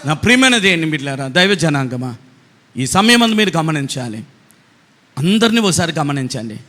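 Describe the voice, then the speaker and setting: A man preaching a sermon as pastor, swinging from quiet asides to shouted refrains. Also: on the high side, very animated, moderate pace, big-room sound.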